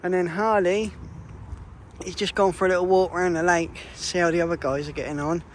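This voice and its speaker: Chatty high-voiced man filming by a lake. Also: little pitch movement, brisk, slight background noise. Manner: chatty, upbeat, often breaks off mid-sentence. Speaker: vlogger, angler. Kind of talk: casual vlog chat. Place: outdoors by a fishing lake.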